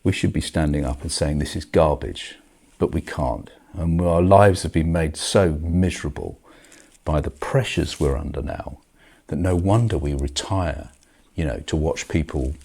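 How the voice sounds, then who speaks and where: A man's voice: extremely low pitch, moderate pace, gravelly, a little mellow, slightly rough. An older man in a grumpy, world-weary back-in-my-day rant, commenting on the world with emphatic outbursts. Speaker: video commentator.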